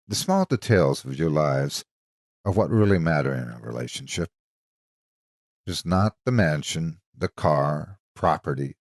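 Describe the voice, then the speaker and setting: A man with a low, deep, gravelly voice tells stories like a seasoned narrator and channel host, his intonation swinging widely and dramatically across measured, scripted phrases. The close, dry recording has no echo and very little room sound.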